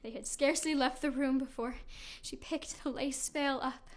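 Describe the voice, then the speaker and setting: A woman performing classical stage acting as an anguished slave messenger in a Greek tragedy, theatrical, moving between hushed and loud delivery. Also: high voice, steady tone, normal speed, natural voice. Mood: hushed, storytelling. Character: anguished household slave messenger recounting horror. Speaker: actor performing an audition-style monologue. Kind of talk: classical stage acting, dramatic tragic monologue.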